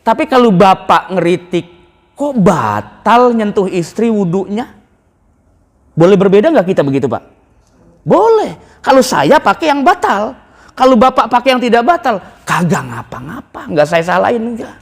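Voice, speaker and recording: Male mosque preacher, high voice, chatty and humorous, long hall reverb. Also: normal speed, vocal fry. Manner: animated, joking, colloquial, acts out quoted voices. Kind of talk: Friday sermon lecture.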